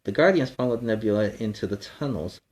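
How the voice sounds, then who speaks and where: A man's voice: on the low side, fairly quick, darkish tone, lightly acted. Man playing Spider-Man as an earnest storytime host. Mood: earnest narrating. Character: friendly young male superhero Spider-Man hosting storytime. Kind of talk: children's storybook reading with asides.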